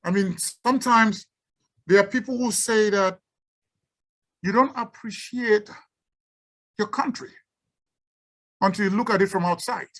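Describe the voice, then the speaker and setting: Speaking with a Cameroonian accent, a woman researcher from Cameroon presents off the cuff at a symposium and answers questions. Her voice is medium-pitched and her pace a bit slow, with long pauses, frequent stumbles and repeated words.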